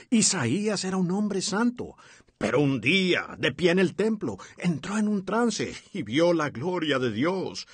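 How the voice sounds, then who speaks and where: A man reading a voice-over translation of a sermon in a steady, earnest way. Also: a little high, slightly rough, no room sound. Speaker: sermon interpreter.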